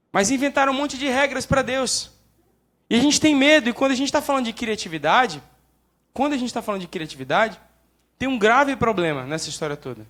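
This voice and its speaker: A young man with a Brazilian Portuguese accent giving a lively, joking sermon talk at church. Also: sits high. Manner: lively, jokes and acts out quoted prayers. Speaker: church speaker.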